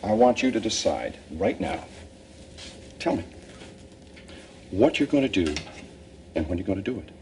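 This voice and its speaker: A man's voice: lowish voice, sing-song, normal speed, pauses often, darkish tone. An actor playing a middle-aged family man in a soap opera, firm and dryly teasing. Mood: stern, measured. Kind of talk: television soap opera acting. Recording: clear background noise, room ambience.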